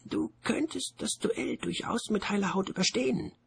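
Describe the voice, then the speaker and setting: A man's voice: high-pitched, normal speed, gravelly, a little hiss or hum, pitched above the performer's own voice. A man raising his voice for a storybook figure in a read-aloud. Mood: grave.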